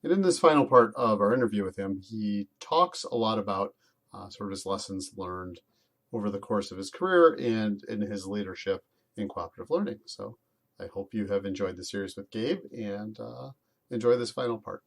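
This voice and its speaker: A man hosting a podcast, introducing the episode and asking questions in a friendly, joking way, with halting restarts. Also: fairly low pitch, expressive, vocal fry, fairly bright tone. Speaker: podcast host.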